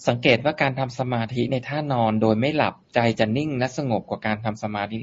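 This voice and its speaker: A man briskly and politely reading out submitted questions to a monk. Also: medium pitch, breathy edge. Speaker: question reader. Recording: dull lo-fi sound.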